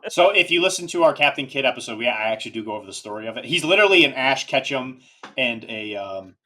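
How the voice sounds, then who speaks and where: A man hosting a casual podcast, talking in an animated, rambling way with lots of filler asides. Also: medium pitch, quick pace. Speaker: podcast host.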